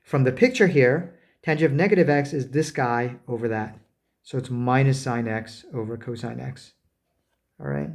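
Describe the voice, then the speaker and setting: A man giving a math lecture, talking as he draws, with many fillers, self-corrections and quick "right?" checks. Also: mid-range voice. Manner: talks while drawing, frequent fillers and self-corrections; rhetorical "right?" checks with students. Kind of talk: recorded lecture at a board.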